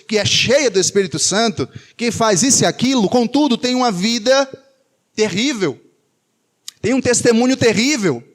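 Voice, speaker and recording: A Brazilian man preaches in a high voice. He speaks with emphasis, repeats his key phrases, and poses rhetorical questions to the congregation. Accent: Brazilian Portuguese. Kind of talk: sermon.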